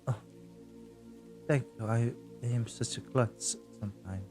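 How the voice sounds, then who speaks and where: A man's voice: medium pitch, measured pace, over music, close to an everyday voice. Man playing a timid, apologetic, klutzy woman. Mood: anxious, apologetic. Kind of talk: tabletop role-play.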